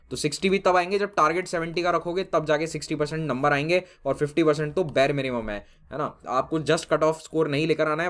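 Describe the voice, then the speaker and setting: Fast-talking male exam-prep teacher. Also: a little high. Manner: brisk, direct, mixes Hindi with English phrases; addresses students informally, reassuring and firm. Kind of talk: motivational exam-prep lesson.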